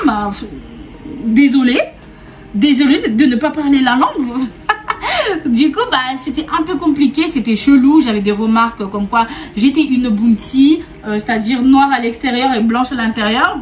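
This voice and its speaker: Young woman, from Réunion, vlogger, casual storytime chat, talkative, repeats herself, laughs a lot, slightly high voice. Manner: chatty and repetitive, often laughing, calls viewers 'mes go'.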